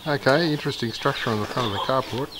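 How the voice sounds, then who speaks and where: A vlogger with a mid-range voice walks around a building site, outdoors and through bare concrete rooms, offering casual, hesitant, unhurried commentary. Loud construction noise, rasping and knocking, fills the recording.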